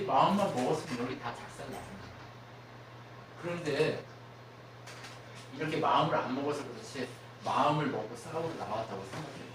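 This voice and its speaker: A man preaches with a high, lively voice, quizzing the congregation and acting out the words of people he quotes. The sound is distant, and it echoes heavily around a church hall. Steady noise sits underneath. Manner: asks the congregation frequent questions, acts out quoted voices. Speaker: pastor. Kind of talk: sermon. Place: church sanctuary.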